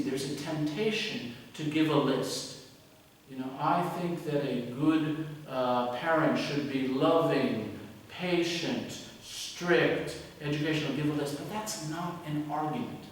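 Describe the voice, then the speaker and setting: A man teaching a test-preparation lesson in a direct, animated way, exaggerating his intonation when he demonstrates. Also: a little high. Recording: echoey room from a distant mic with faint noise.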